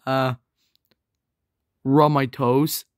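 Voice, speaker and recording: A man voicing a sick, weary plumber in a plush toy skit, talking quietly and tiredly with a sore throat. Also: flat delivery, drawn-out words, smooth, no room sound, studio quality. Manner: low, tired, quiet delivery with sighs.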